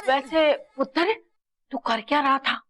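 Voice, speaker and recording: An actress with a Punjabi accent playing a loud, doting mother-in-law who gushes over her son. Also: sits high, a little slow, background noise. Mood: gushing. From Patiala, Punjab. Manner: loud, exclamatory, gushing. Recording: sitcom audio with loud background music.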